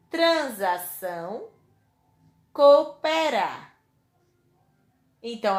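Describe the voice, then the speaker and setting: A woman with a Brazilian Portuguese accent teaches a lesson to young children, dictating slowly and clearly and drawing out every example word. Her voice is mid-range, and the sound is roomy.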